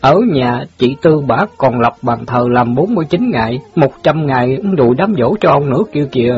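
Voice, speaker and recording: A woman's voice: a bass voice, animated, a little fast, highs cut off, faint music behind, pitched below the performer's own voice. A woman voicing a jittery young man who is terrified of ghosts, talking in a stammering, pleading way. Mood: rambling.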